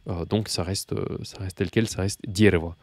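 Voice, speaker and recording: Guy teaching russian basics, lowish voice, lots of euh and restarts, dry close sound. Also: fairly even intonation, normal speed, no echo. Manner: hesitant, many fillers and restarts; addresses the learner informally, patient explaining. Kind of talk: spoken language lesson.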